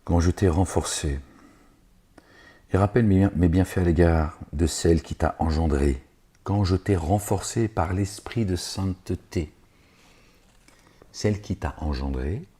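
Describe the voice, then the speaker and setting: In a low-pitched, warm voice with a breathy edge, a religious lecturer reads scripture aloud and then rambles off into commentary. He uses sarcastic asides and hesitant fillers, and Arabic is not his native language.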